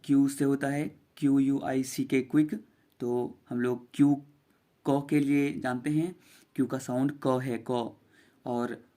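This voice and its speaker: A male teacher walks young children through English letter sounds. He speaks slowly at a mid pitch and patiently repeats each sound. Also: darkish tone. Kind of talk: beginner English phonics lesson.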